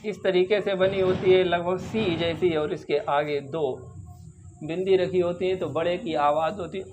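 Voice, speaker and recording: A man teaching English vowel sounds, slowly repeating each example word. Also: sits high, fairly even intonation, a little mellow, slight background noise. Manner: slow, drawn-out, repeats example words. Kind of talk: phonics lesson.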